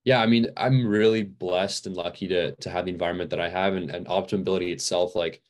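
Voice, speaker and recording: A young man with a very low, deep voice, chatting as a podcast guest. He rambles easily with lots of "like" and "uh," a touch worn out from training. Relaxed and unscripted. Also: fast. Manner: rambling, many fillers and restarts. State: a little fatigued. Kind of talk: casual interview chat.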